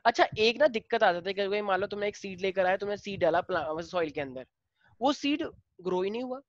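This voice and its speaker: A male teacher with an Indian accent explaining biology to a class, switching between Hindi and slowly dictated English lines. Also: high-pitched, expressive, dry recording, highs cut off.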